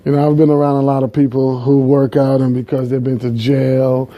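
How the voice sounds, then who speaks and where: A man's voice: mid-range voice, flat delivery, fairly quick, mellow. A man from Barbados interviewing casually, often murmuring agreement. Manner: affirming, lots of murmured agreement. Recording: slightly dull lo-fi sound.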